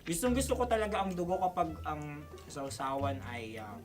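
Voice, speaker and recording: A woman's voice: lowish voice, sing-song, a little fast, loud music behind the voice. Teasing woman radio co-host. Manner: teasing, laughs often. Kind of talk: playful studio banter. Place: radio studio.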